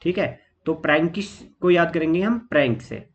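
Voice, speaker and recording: Listing exam vocabulary in a calm, explanatory manner, this Indian-accented man has a fairly high voice and stops on filler sounds as he teaches.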